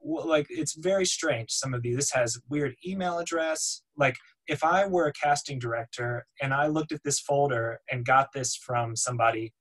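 A man's voice: medium pitch, normal speed, few pauses, rough recording. Casual man teaching over webcam. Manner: relaxed, explanatory, frequent ums and uhs. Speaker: voiceover demo producer. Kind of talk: webinar teaching. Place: home room, indoors. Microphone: webcam on video call.

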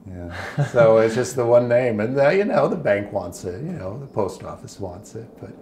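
A man's voice: mid-range voice, big pitch swings, moderate pace, dark tone, a little hiss or hum. A man around sixty from Michigan, a guest talking openly and casually in an interview at his home. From Michigan, United States. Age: about 60. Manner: chatty, open, with casual fillers. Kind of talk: relaxed conversational interview. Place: living room at home, indoors. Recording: roomy indoor echo.

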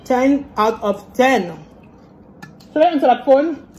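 A woman's voice: high voice, lively intonation, slow pace, darkish tone. Young woman, medical student vlogger, casual and chatty, phone mic, noisy surroundings. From Saint Lucia. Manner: chatty, upbeat, says "literally" and "like" often. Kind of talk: casual vlog chat. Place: stadium, kitchen, hospital hallway and lab. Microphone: phone camera at arm's length. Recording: phone vlog with clear background noise.

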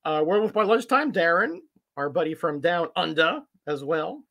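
A man's voice: on the high side, big pitch swings, moderate pace, vocal fry, fairly bright tone. A man casually hosting a live stream from his home collectibles room, friendly and rambling with lots of fillers. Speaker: comic collector streamer host.

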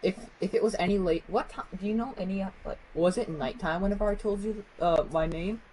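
A man chatting casually with friends during an online game, relaxed and self-mocking with frequent giggles. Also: sits high, fairly quick, a little hiss or hum, rough recording. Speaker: gamer on a stream. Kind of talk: casual gaming chat with friends.

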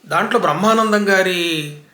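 A man gives an unhurried, lecture-style talk as a literary commentator, stacking up one example after another. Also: sits high, bright, forceful tone. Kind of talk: reflective book talk. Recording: echoey room.

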